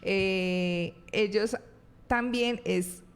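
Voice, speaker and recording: A woman's voice: mid-range voice, very slow, clean tone. A woman psychologist with a Colombian Spanish accent, explaining parenting advice as a talk-show guest and often checking in with short questions. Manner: explanatory, acts out child and parent voices, frequent tag questions.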